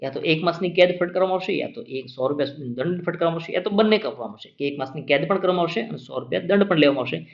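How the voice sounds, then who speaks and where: A man's voice: a little high, very fast, gravelly. A male exam-prep teacher giving a classroom lecture, explaining patiently, repeating key points and checking that students follow. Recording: dull lo-fi recording.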